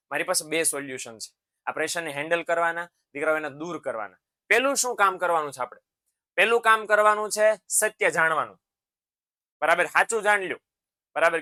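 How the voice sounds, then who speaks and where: Bright, sharp-toned teacher man. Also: high-pitched. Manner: fatherly, calls students "sons", frequent tag questions. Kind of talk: motivational lesson to students.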